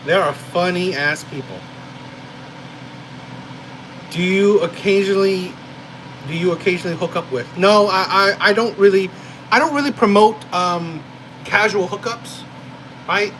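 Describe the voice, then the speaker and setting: Jersey streamer dude chatting to his chat, kinda high voice, keeps saying right, ac humming behind. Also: normal speed, noisy background. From New Jersey, USA. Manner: rambling, frequent "right?" and "you know". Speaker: live-stream host reading chat. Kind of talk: casual live-stream chat.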